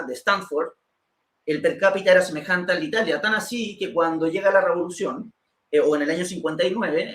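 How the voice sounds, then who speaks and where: A man hosts a political interview show, reading from prepared notes. His voice is fairly high and a bit bright, and the room sound is roomy and echoey.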